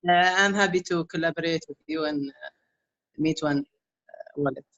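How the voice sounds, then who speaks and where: A man from eastern Arabia, a guest on an online call, speaking softly and hesitantly. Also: sits high, sing-song, moderate pace, vocal fry. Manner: hesitant, soft-spoken. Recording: dull dry online call audio.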